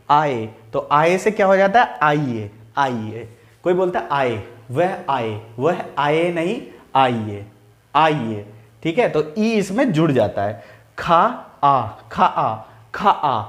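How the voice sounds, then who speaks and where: A man with a slightly raised pitch teaching a Hindi grammar lesson straight to the viewer. He repeats each example slowly, several times over. He asks his own questions and answers them himself. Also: reverberant. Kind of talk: explaining lesson to camera.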